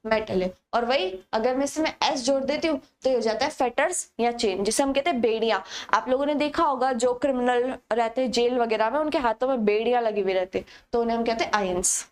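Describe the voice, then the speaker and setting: A woman's voice: fairly high pitch, brisk, darkish tone. A young woman teaching a grammar lesson to exam students, explaining patiently and answering her own questions to the class.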